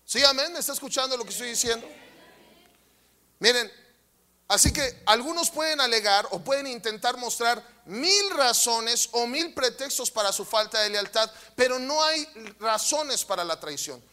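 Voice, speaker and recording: A man with a Mexican Spanish accent, preaching a sermon who acts out voices and then shouts at the congregation. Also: very high-pitched, lively intonation, normal speed. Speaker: pastor.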